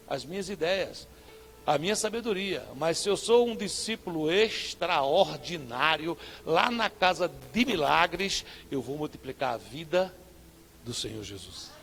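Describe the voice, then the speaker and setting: A male pastor with a Northeastern Brazilian accent, preaching a sermon with rhetorical questions and sudden loud bursts. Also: a little high. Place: church service.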